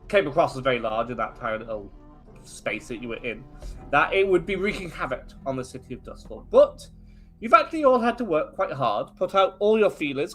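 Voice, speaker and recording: A man narrating as game master of a tabletop game, animated and chatty, with asides to his players. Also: mid-range voice.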